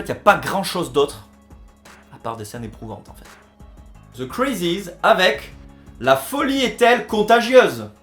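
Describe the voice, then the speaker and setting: Sarcastic man with a lively, high voice. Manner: sarcastic, mock-dramatic, jokey asides. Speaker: host of a comedy video series. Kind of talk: comedic voice-over commentary. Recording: roomy echo.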